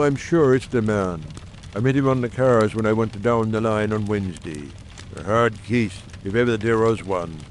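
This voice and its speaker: A faint noise trails under this medium-pitched male voice as he portrays a shrewd, earnest brother of a secret society in a coal town, for an audiobook drama. He pleads his case formally, persuasively, and confidently, sounding a little mellow and close to his everyday voice.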